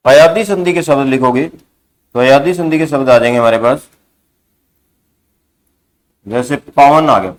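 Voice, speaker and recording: A man's voice: medium pitch, a bit bright. A male teacher giving a grammar lesson, who asks the class questions, answers them himself and repeats key words.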